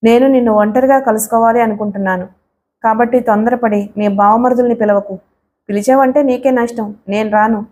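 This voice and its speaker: A woman's voice: fairly high pitch, fairly even intonation, a little fast, darkish tone, a little hiss or hum, natural voice. A woman voicing a teasing mystery woman. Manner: sweet, mocking, commanding.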